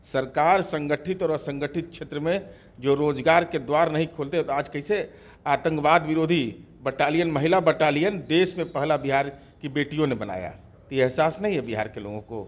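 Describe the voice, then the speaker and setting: A man's voice: on the high side, normal speed. A man speaking as a party spokesperson in a news interview, combative and rhetorical, firing pointed questions at a political rival.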